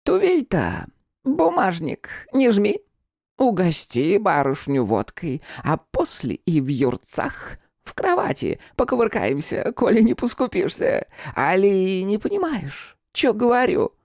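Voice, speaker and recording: A man's voice: high-pitched, huge pitch swings, a little slow, creaky, a little mellow, dry recording, studio quality, voice pushed up, exaggerated voice. A man voicing a coarse, brash, heavyset tavern harlot in an audiobook, crude and cheeky. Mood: brazen. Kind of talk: audiobook character voice.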